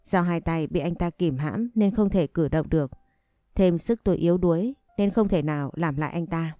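A woman's voice: on the low side, moderate pace, warm tone, no room sound, studio quality, soft background music. A woman narrating a dramatic first-person story with heartfelt emotion.

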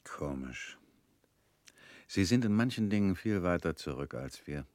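In a radio drama, an actor plays a weary middle-aged family man who is guarded, resigned and bitter. His low-pitched lines come at a measured pace, flat and curt, and often sink quiet. There is no room sound.

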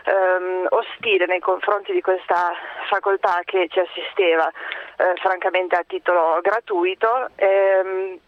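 A woman's voice: fairly low pitch, fairly even intonation, measured pace. A woman from the province of Vercelli calling in to a radio show, heard over the phone, speaking hesitantly with many fillers. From Vercelli province, northern Italy. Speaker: radio call-in caller. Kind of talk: casual call-in talk. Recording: tinny phone line, dry.

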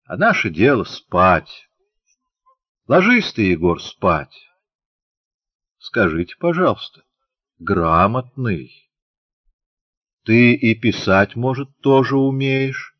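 A man's voice: mid-range voice, big pitch swings, slow, long pauses, no room sound, muffled recording. Man doing a grumbling peasant mother. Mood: homely. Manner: scolding, homely. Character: grumbling but kindly peasant mother, stern.

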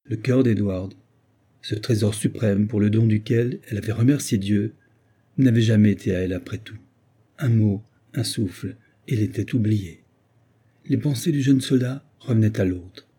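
A man narrating a classic novel in a measured literary reading. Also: on the low side, warm tone, breathy edge. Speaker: audiobook narrator. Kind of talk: scripted narration.

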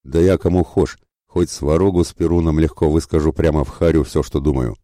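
A man's voice: rumbling low, steady tone, a little fast, dark tone, no room sound, clean studio sound. A man doing a scornful brawler warrior. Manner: sneering and scornful. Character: big hot-tempered male warrior bully.

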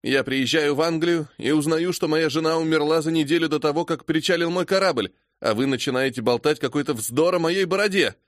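A man voicing a grief-stricken young widower who bursts out in loud, anguished lines. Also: medium pitch, expressive, normal speed, no room sound, clean studio sound, natural voice.

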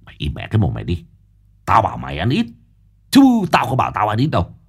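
A man voicing a greedy old male fortune-teller, smug and gruff. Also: low-pitched, very animated, normal speed, heavily acted. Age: older. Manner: smug, gruff, clicking his tongue.

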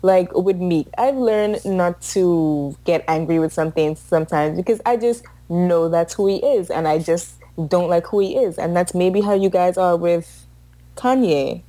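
Woman, co-host, casual chat, opinionated, swears freely, lowish voice, dry close sound. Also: measured pace, dark tone, dry recording, low-quality recording. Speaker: podcast co-host.

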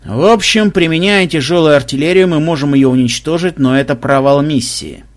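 A man voicing a bossy male team leader who barks orders in a brisk, blustering way. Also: fairly high pitch, lightly acted.

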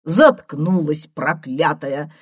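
Woman playing a fretful old granny, pitched up, loud, scolding. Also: expressive, moderate pace, no echo, studio quality. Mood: grumbling. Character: fussy old grandmother, quick to scold.

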